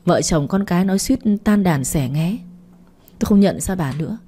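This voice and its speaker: A strict older father lectures his family in a radio story, voiced by a woman. His lines are stern and cold, read in a low, mellow tone. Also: lively intonation, moderate pace, husky. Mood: scornful. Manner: stern, scolding. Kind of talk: audiobook reading.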